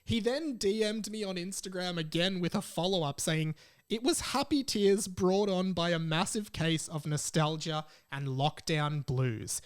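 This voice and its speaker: Hosting his podcast alone, a young man with an Australian accent and a fairly high voice speaks unhurriedly and chattily. He reads out messages and then offers his own casual remarks.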